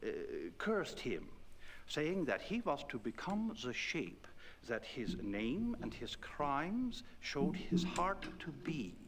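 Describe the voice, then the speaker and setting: A man voicing a solemn man in a point-and-click game who recounts a werewolf legend in a measured way. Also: fairly high pitch, sing-song, fairly bright tone, slight background noise, heavily acted. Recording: game audio with music behind.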